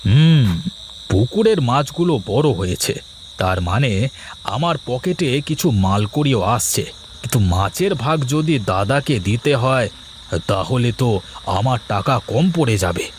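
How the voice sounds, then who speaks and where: A man's voice: medium pitch, animated, measured pace, a little hiss or hum, lightly acted. Sly lazy village guy plotting under his breath, cartoon story, man voicing. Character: lazy, scheming young village husband. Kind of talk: cartoon voice acting.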